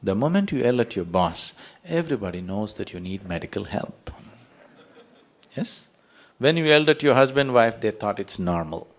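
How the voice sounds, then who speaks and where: A man's voice: fairly low pitch, big pitch swings, normal speed. A man giving a spiritual talk to an audience as a teacher, emphatic and full of rhetorical questions, telling parables.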